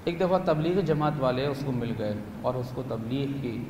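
A man preaching to a gathering, animated, acting out little scenes and asking the audience questions, rising loud and dropping soft. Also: medium pitch. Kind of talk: religious talk to young people at a retreat. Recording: echoey hall with faint room noise.

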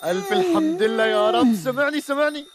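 A man's voice: very high voice, lively intonation, fast, music in the background. An actor playing a bumbling, anxious man with a Levantine accent who pleads and laughs when he means to cry. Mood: pleading. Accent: Levantine Arabic. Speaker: patient's companion. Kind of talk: comic dubbed drama.

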